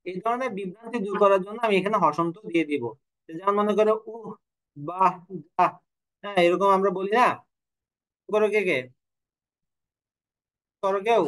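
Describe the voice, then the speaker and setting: Teaching an online language class from home or a studio, a man explains the rules, quizzes his students and cracks the occasional joke. His voice is high and fairly bright, a little fast with frequent pauses, and the recording is low quality.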